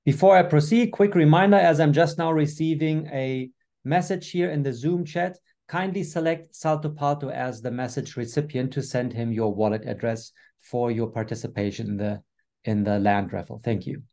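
A man's voice: mid-range voice, steady tone, normal speed, creaky, warm tone. A man hosting a business webinar over a video call, upbeat, with frequent fillers. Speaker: webinar host.

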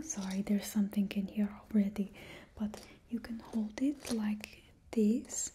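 A young woman whispers close to the mic in ASMR roleplay, playing a cheerfully ruthless stylist to supervillains with a put-on Russian accent and dropping little words. Her voice is fairly high and mellow, with a bit of hiss or hum. She's in a small indoor studio with a backdrop, her face near the camera.

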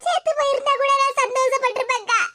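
A woman's voice: very high voice, fast. A woman voicing a young cartoon wife who sobs and wails, with a Tirunelveli Tamil accent. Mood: wailing. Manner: wailing, sobbing. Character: crying young wife thrown out by her in-laws. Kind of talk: cartoon voice acting. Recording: noisy lo-fi recording.

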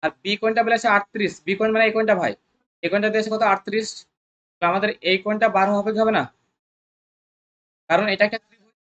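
Coaching-centre math tutor, mid pitch, rapid, drills students with constant questions. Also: fairly even intonation, a bit bright, lo-fi sound. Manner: coaxing, repetitive. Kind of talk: exam-prep math lesson.

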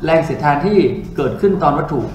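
A man with a fairly high voice gives a physics lesson, talking casually and tossing in jokes as he writes on the board. The sound is roomy, with faint room noise underneath. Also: fast. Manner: chatty, jokes with students. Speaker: physics tutor. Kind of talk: recorded classroom lecture. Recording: roomy classroom with faint ambience.

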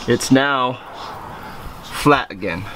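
A man's voice: mid-range voice, very slow, a little hiss or hum. Chatty man working on his car. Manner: relaxed, chatty, explains as he works. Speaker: car project vlogger. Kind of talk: casual garage vlog.

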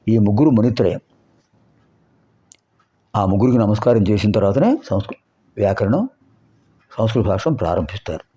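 Low mellow man teaching Sanskrit. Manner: repeats sounds slowly for pronunciation drills; asks rhetorical questions. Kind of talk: explanatory lesson. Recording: dull lo-fi recording.

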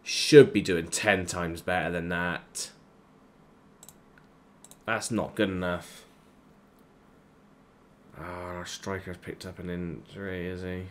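Male gamer, lower voice, live reaction commentary, swears and rants at his players. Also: little pitch movement, slow pace, pauses often. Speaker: gaming YouTuber. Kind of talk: live reaction commentary over a football management game.

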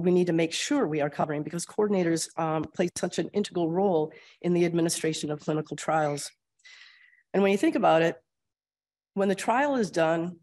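Recovering from a cold, this Upper Midwest American woman is losing her voice, which is fairly low and a little mellow. She's a clinical research administrator giving a slide-based conference lecture at grand rounds, keeping it explanatory and conversational while frequently umming and clearing her throat.

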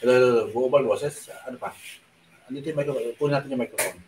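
A man hosting a live stream, telling a rambling travel story in a soft voice with lots of fillers. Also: mid-range voice, rapid-fire, echoey room, recorded from a distance, noisy background. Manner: speaks softly on purpose at night. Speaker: online show host. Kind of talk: casual live-stream chat.

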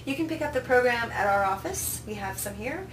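A woman in her thirties, a festival programming director, speaks as a casual interview guest with a fairly high, animated, fairly bright voice, a little on the fast side. She tells anecdotes and acts out quoted remarks. The recording, from a small indoor office, is roomy, with a distant mic and noticeable hum.

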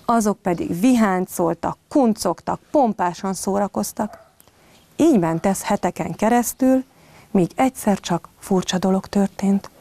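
A kindergarten teacher, a woman, gently reading a children's story aloud from home. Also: mid-range voice, creaky, dry recording. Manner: gentle, addressing young children.

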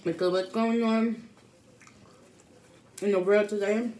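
A woman in her thirties, a mukbang vlogger, speaks slowly in a medium-pitched, steady, slightly mellow voice. Between bites and often with a full mouth, she chats casually to the camera from a small room at home, captured clearly with background room noise.

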